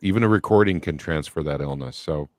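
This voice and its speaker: A man's voice: extremely low pitch, fairly quick, dry recording. A man in casual chat who jokes in a dry, mock-formal way.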